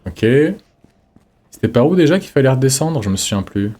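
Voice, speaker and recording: A man's voice: mid-range voice, sing-song, fairly quick, warm tone. A man giving casual let's-play commentary, chatty, reading in-game notes aloud with jokey asides. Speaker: streamer playing a horror game.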